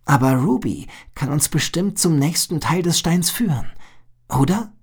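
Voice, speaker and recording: A cautious young male animal, thoughtful and wary, as a male storyteller puts him on. He speaks quietly and slowly, at times nearly whispering, in a breathy tone. It sounds like a storybook read aloud. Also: fairly high pitch, animated, voice pushed up, exaggerated voice. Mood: puzzled. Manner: quiet, half-whispered worry. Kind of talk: storybook reading.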